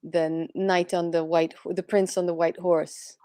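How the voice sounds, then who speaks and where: This woman, whose first language isn't English, co-hosts a tarot live stream and chats casually, laughing often. Her voice is fairly low, warm and flat, with a measured pace. The recording is dry and studio quality.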